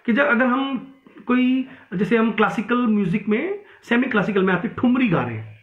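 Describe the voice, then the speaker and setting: A high-voiced male teacher lectures for exam preparation, his talk full of fillers and restarts. The sound is thin and phone-like, and the room adds a noticeable echo. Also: animated, moderate pace. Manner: mixes Hindi and English, many fillers and restarts. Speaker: English literature teacher. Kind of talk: online exam-prep lecture. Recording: tinny echoey room sound.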